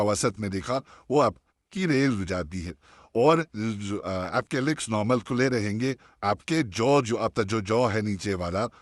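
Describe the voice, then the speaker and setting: A man teaching an online pronunciation class, patiently explaining and repeating each sound slowly so students can practice. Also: lowish voice, no echo, clean studio sound. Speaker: Tajweed teacher.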